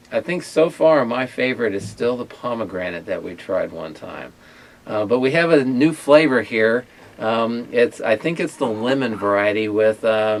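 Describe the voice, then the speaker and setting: A man hosting a casual food tasting video, talking in a halting way with many pauses and fillers. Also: on the low side. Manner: hesitant, many fillers and restarts. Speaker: ministry owner and host. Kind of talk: casual chat and taste test.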